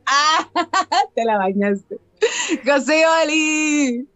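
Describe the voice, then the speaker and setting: A woman's voice: sits high, expressive, very slow, a bit bright, dry recording. A woman with a Mexican accent co-hosting a casual live stream, giggling as she reads out viewers' greetings.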